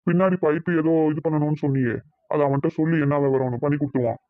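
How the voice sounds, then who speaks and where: A busy cartoon husband, voiced by a man who speaks quickly and gets straight to the point. His voice sounds thin and phone-like, a little off the mic. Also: fairly high pitch, lightly acted. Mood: brisk. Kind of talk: cartoon voice acting.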